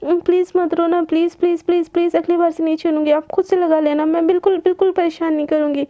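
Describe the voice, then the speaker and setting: A woman's voice: very high voice, steady tone, normal speed. A woman voicing a flustered young wife who begs and apologizes over and over, in a dull lo-fi recording. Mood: pleading. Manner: pleading, apologetic, repeats words.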